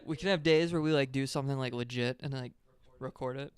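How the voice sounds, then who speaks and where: A man's voice: medium pitch, fast, clean tone. A young man co-hosting a casual podcast, talking in a laid-back, rambling way and laughing often. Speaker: podcast co-host. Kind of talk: casual chat. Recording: static on the mic.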